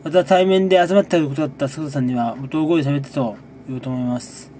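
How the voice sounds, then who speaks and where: Male gaming creator, relaxed recap chat; light pitch, mellow tone, chuckling asides. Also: fast, slight background noise. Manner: talks while sipping a drink. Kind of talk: casual monthly recap chat.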